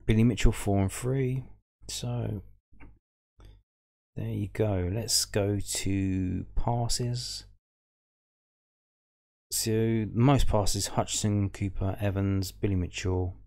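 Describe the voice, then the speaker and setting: His voice is on the low side, steady, and a little mellow, with vocal fry, a slow pace, and frequent pauses. He's hosting a fan podcast, casually talking through on-screen football statistics and musing aloud as he reads.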